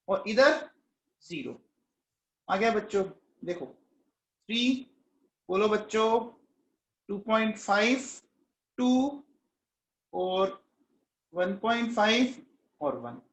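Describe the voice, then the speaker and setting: A man with a notably high voice teaches chemistry in an echoey classroom. He coaxes his students along, keeps asking whether they have understood, and calls on them by name to answer quickly. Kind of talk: classroom lecture.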